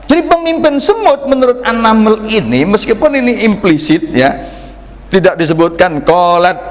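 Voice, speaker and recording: Lively man lecturing in an echoey hall. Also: sits high. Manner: lively, explaining Arabic grammar with shouted examples and asides to the audience. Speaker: religious teacher. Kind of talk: Ramadan religious lecture to an audience. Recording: echoey hall with long reverb.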